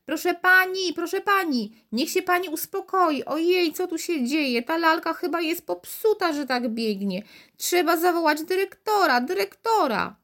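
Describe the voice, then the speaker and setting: A woman's voice: very high voice, expressive, measured pace, fairly bright tone, voice pushed up, full character voice. A woman voicing a flustered, stammering female shop assistant in a children's storybook reading. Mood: alarmed. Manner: stammering, fretful.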